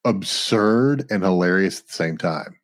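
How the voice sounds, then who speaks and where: A podcast co-host with a lowish male voice, talking through a film in casual chat. He sounds enthusiastic and walks through scenes one by one, often slipping into quoted lines. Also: animated, measured pace.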